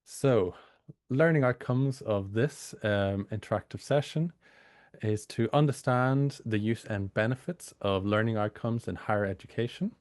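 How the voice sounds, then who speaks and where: Low, gravelly British man teaching. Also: a little slow, darkish tone, no room sound, clean studio sound. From United Kingdom. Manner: informal, hedging with fillers. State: slightly hoarse from a cold. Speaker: university lecturer leading a training session. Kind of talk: online training talk.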